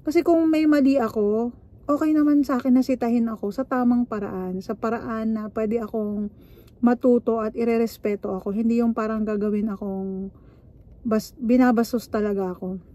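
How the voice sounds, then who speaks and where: A woman's voice: a little high, steady tone, moderate pace, mellow. A middle-aged woman from the Philippines, a nurse giving frank, assertive advice in a casual monologue, mixing English into her talk. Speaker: nurse vlogger.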